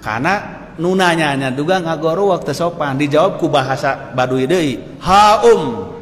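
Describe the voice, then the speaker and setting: A man with a Sundanese accent preaching a sermon, telling stories with lively energy, laughing often and shouting out the lines he quotes. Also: on the high side, moderate pace. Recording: echoey hall with faint noise.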